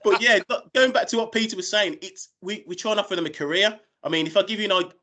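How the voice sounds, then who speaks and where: A British man talks as a recruiter in an informal business presentation. His voice sits a little high for a man, and he is speaking on an online call. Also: fast talker, bright, forceful tone. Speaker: recruiter presenting job opportunities.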